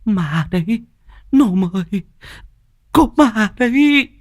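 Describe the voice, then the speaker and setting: A shrieking old village grandmother , put on by a male narrator, stammers and begs in a high, quavering voice. Her pitch leaps up and down as panic takes her. It is a dry, close audio-drama read. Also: animated, takes it slowly, dry recording. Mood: frantic wailing. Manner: shrill, stammering, wailing pleas.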